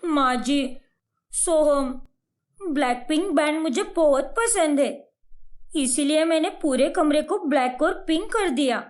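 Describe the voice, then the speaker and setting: A woman's voice: high-pitched, unhurried. A woman voicing a bubbly, childish young bride in a cartoon story. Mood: pleading. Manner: pleading, sweet. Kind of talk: cartoon voice acting.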